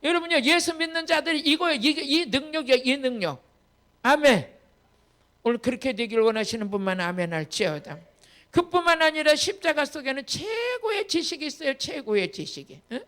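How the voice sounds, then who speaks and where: High-voiced woman pastor preaching emphatically. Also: expressive, normal speed, a bit bright. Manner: emphatic preaching, repeated calls to the congregation; acts out quoted dialogue in changing voices. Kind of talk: sermon. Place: church retreat hall, online service.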